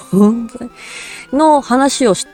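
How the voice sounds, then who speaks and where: A woman telling a true story as a virtual cat-spirit storyteller, in a relaxed, rambling way with frequent chuckles and fillers. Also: on the high side, drawn-out words, soft background music. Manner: rambling, casual, chuckles often, many fillers.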